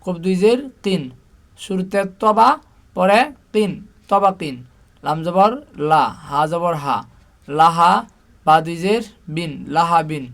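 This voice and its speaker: Slow, patient male Quran teacher. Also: sits high, a bit bright. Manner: slow, patient drilling, asking and answering his own questions. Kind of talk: spelling Arabic letters aloud with vowel marks.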